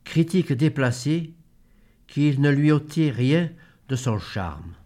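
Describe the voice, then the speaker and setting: A man's voice: a little high, big pitch swings, slow pace, dark tone. Man narrating a novel in first person. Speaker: audiobook reader. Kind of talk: read-aloud literary narration.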